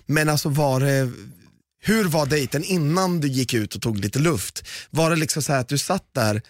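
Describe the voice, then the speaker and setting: Man, podcast co-host, dry teasing humor, mid pitch, close dry sound. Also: no echo. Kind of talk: casual chat.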